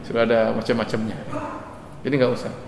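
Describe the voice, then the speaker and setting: Brief: male preacher, rapid animated sermon delivery, recorded in a reverberant hall with faint background noise. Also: medium pitch, gravelly. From Indonesia. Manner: fast, animated preaching with mocking sing-song prayer imitations. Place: lecture hall with audience.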